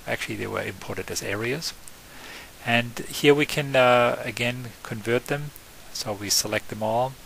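A man giving an unscripted, step-by-step software tutorial, often pausing with fillers and correcting himself. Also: lowish voice, gravelly, slight background noise, poor audio. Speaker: software trainer. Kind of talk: screen-recorded software tutorial.

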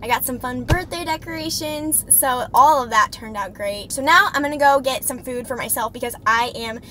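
A bright, high-pitched young woman chats to a handheld camera, bubbly and quick to get excited. The audio is noisy, with passing traffic clearly heard behind her voice. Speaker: vlogger. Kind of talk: casual vlog talk to camera. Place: on the go, in a car and stores.

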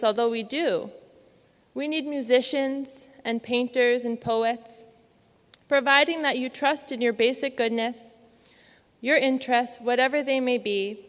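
A young woman in her twenties reading a prepared award acceptance speech from a podium microphone, earnest, measured and lyrical. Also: high-pitched. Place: large dark auditorium stage. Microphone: podium microphone on a stand. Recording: long hall reverb from the auditorium.

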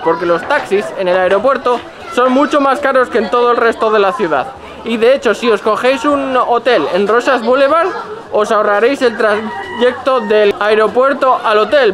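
Thirties male travel vlogger, Spain Spanish accent, pitched high, casual swearing, recorded outdoors at arm's length. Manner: blunt, joking, swears casually. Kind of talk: casual travel tips to camera. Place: narrow outdoor city alleys. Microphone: handheld camera at arm's length.

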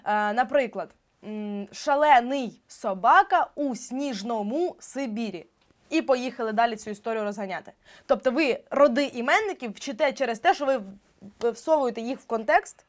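A young woman with a slightly high voice gives a lively exam-prep lesson. She explains each point through examples and keeps talking with an easy, casual flow of fillers. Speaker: teacher.

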